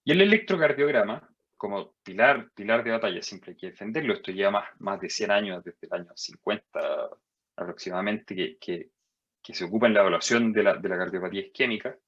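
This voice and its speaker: A man giving a medical lecture as a physician, measured and explanatory, jumping higher in pitch to stress key points. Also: fairly bright tone, breathy edge, lo-fi sound. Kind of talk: medical lecture over slides.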